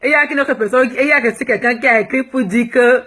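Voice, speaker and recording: A woman's voice: fairly high pitch, fast, fairly bright tone. A woman from Cameroon with a Cameroonian French accent, a fashion blogger answering viewers' comments live in a frank, teasing way and slipping English phrases into her French. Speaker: plus-size fashion blogger.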